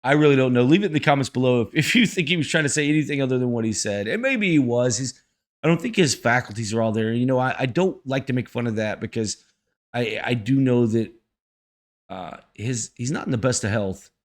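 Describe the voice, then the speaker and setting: A man's voice: mid-range voice, a little fast. A man giving casual, folksy reaction commentary as the host of a video channel.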